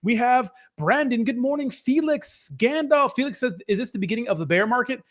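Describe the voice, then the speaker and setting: High-pitched, slightly hoarse male crypto streamer. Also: lively intonation, brisk. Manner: upbeat, informal hype with slangy shout-outs. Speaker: live stream host. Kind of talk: casual live-stream chat, greeting viewers and giving crypto news.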